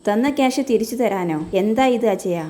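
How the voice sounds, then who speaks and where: A man's voice: sits high, moderate pace, mellow, close to an everyday voice. A woman reading a mocking swindler boss. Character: scheming middle-aged male swindler boss.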